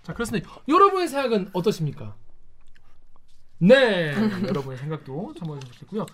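A woman's voice: on the low side, big pitch swings, a little fast. A woman hosting a casual panel chat, teasing and mock-indignant. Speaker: host.

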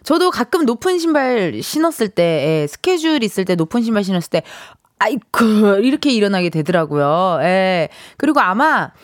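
A woman radio DJ chatting on air in a bright, playful way and reading out listener texts. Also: medium pitch, big pitch swings, fairly quick, few pauses, dry recording. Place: radio studio. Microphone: studio microphone. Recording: dry radio studio mic, faint music behind.

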